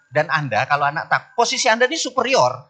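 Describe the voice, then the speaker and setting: A middle-aged man speaking to an audience in a bright, fairly high voice. He tells his stories with animated energy, often leaping up in pitch to act out other people and checking in with the listeners. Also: quick pace. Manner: asks the audience "bener nggak?". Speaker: business speaker. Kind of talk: storytelling talk to an audience.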